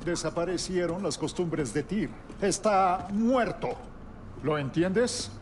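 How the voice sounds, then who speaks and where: An actor playing a sly, menacing old god king who sounds like a very old man, speaking in measured, pointed phrases in a game cutscene. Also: high voice. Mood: coaxing. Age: older. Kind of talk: dramatic video game cutscene acting. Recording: clear background noise.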